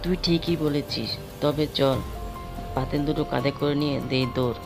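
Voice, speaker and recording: A man's voice: a little high, fairly even intonation, normal speed, lightly acted. A man voicing a sneaky, scheming jackal husband who is a petty thief in a cartoon story. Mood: sly, eager. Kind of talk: exaggerated cartoon story acting. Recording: music behind the dialogue.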